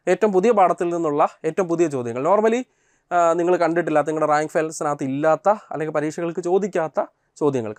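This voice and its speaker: Male tutor, brisk delivery, slightly high voice, dry close sound, drills questions and answers. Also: darkish tone, dry recording. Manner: repeats questions and answers, checks in with "kettō" and "alle". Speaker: exam coaching teacher. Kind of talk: exam prep lesson.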